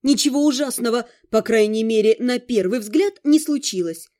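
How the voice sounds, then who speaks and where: A woman's voice: a little high, animated, moderate pace, warm tone. A woman reading a first-person audiobook expressively and emotionally. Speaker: audiobook narrator.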